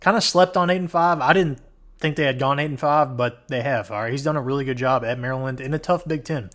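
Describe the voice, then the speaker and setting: A man runs through a college football ranking in a loose, casual way, starting each point with "all right." His voice is wearing out as he goes. His pitch sits in a plain middle range. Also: quick pace, a bit bright. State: losing his voice. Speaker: host. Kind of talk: college football countdown commentary.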